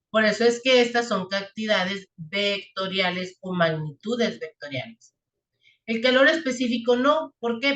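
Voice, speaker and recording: A woman's voice: medium pitch, a bit bright. A woman teacher, walking a class through equations and physics step by step and checking in often with short questions. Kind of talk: classroom math and physics lesson. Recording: echoey room.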